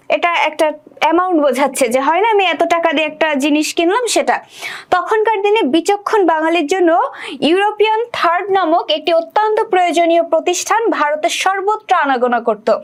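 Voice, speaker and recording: A young woman teaching an exam-prep literature lesson. She reads lines from the text aloud, then explains them and asks her students questions. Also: extremely high pitch.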